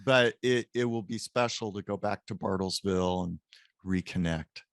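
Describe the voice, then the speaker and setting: A man in his late fifties, a professor guest in a casual interview, telling an animated story. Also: on the low side, moderate pace, no echo.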